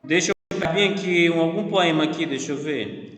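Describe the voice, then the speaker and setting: A male literature teacher with a Brazilian Portuguese accent lectures an online class in a slightly high, fairly quick voice, patiently and with frequent check-ins with his students. Crowd noise is audible, and the room is echoey with long reverb.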